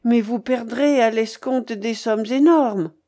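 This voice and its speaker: Role: deferential young male companion in an audiobook, read by a woman, slow and mellow. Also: a little high. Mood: cautious. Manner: measured, deferential. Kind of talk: audiobook character voice.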